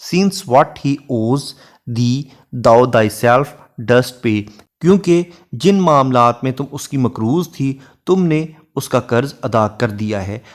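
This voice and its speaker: Male literature lecturer, mid-pitched, slow verse reading, steady explaining. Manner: reads English verse lines slowly, then explains in Hindi.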